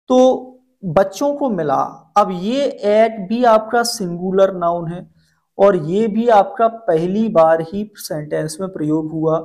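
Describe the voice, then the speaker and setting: A woman's voice: on the low side, warm tone. A woman with a Hindi accent teaching an English grammar lesson, explaining step by step and asking questions back to the learner. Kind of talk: classroom-style grammar lesson.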